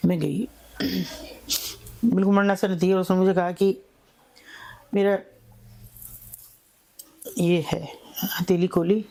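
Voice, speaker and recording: Interview guest, woman, middle-aged; dark, gravelly tone, hesitant storyteller who slips into whispers. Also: fairly low pitch, flat delivery. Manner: soft, halting, drops to a whisper at times. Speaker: guest, founder of a charity for women in red-light areas.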